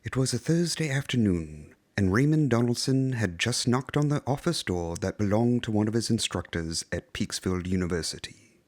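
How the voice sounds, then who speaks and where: A man playing a genteel horror anthology host, narrating scripted tales in a measured, theatrical, vintage style. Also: fairly low pitch, animated, no room sound, faint music behind. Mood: storytelling.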